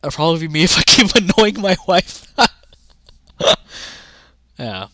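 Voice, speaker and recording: A man's voice: sits high, very animated, a little slow, bright, forceful tone, no room sound, clean studio sound. A young man rambling casually to his chat during a livestream, often restarting sentences. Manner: rambling, chatty, talks to chat. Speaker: streamer.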